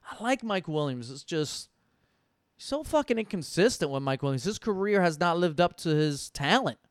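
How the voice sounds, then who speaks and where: A man's voice: a little high, animated, normal speed, no room sound, studio quality. Casual swearing young man thinking aloud. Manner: thinking aloud, swearing, talking himself in and out of picks. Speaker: fantasy football streamer. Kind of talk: casual live draft commentary.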